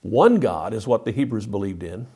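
A man's voice: on the low side, lively intonation, normal speed, a little mellow, breathy edge. Man teaching a Bible study lesson. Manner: explains slides step by step, reads scripture aloud with emphasis.

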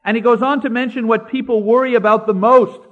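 A man preaching a sermon, slowing down to stress key words and citing scripture by chapter and verse. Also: extremely high pitch, fairly even intonation. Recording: dull lo-fi recording.

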